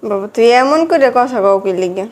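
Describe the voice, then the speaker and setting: A woman plays an elderly widowed mother who pleads with her son in a soft, bewildered way. Her voice sits a little high and moves quickly. The recording has an echoey room sound. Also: animated, close to an everyday voice. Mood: pleading. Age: older.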